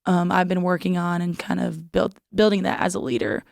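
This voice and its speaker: Young woman athlete on a podcast, says "like" a lot, low-ish voice, dead dry room. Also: flat delivery, fairly quick, creaky, darkish tone, no echo. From United States. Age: young adult. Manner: chatty, many "like" fillers, laughs often. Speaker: volleyball player, podcast guest. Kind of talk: casual interview chat.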